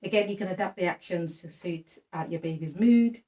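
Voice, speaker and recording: A woman explaining and singing lap rhymes for babies in a chatty, gentle way with many ums. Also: lowish voice, fairly quick, far from the mic. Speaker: music teacher. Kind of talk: demonstrating baby lap songs and rhymes.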